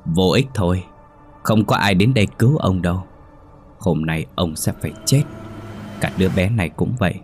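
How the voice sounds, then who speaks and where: A man's voice: sits low, moderate pace, pauses often, soft background music. A man voicing a vengeful young woman's ghost who drowned in a flood, speaking in cold, menacing threats.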